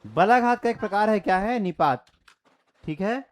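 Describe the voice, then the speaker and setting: A man's voice: high-pitched, animated, normal speed. A man teaching a grammar lesson for exam preparation, explaining by repeating examples and quizzing his students. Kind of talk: exam-prep grammar lecture.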